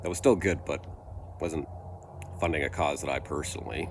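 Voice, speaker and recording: Guy with a low voice just chatting thru a review, kinda halting, breezy outdoor noise in the back. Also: darkish tone. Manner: halting, thinking aloud with trailing pauses. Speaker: pipe tobacco reviewer. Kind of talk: casual rambling review chat.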